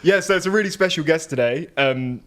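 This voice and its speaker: A man's voice: fairly high pitch, a little fast, a bit bright. A man hosting a podcast, upbeat and friendly as he leads the chat. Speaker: podcast host.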